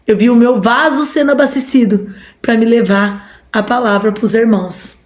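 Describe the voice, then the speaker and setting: Woman, Brazilian Portuguese accent, fairly high voice, fervent testimony, preaching from home. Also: moderate pace. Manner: fervent, repeatedly addresses listeners as brothers. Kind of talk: emotional testimony to a congregation.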